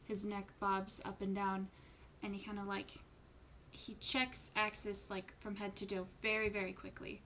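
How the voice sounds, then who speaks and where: A woman's voice: medium pitch, completely flat delivery, normal speed, pushed and bright, slight background noise. A woman game master narrating a tabletop game in a loose, chatty way with plenty of fillers.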